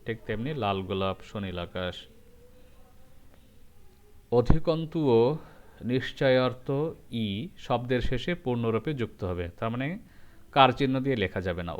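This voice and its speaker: A man teaching a grammar lesson, going through rules step by step and repeating each example slowly. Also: on the low side, clear, resonant tone, dull audio. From Bangladesh.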